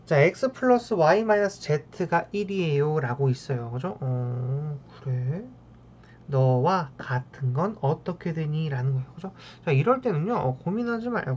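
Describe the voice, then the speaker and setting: On a muffled, lo-fi recording with faint ambient noise, a woman math teacher solves problems in a lowish, slightly mellow voice, animated but at a normal pace. She ends each step with a tag question, speaks to the terms as though they were people, and mutters weary sighs along the way.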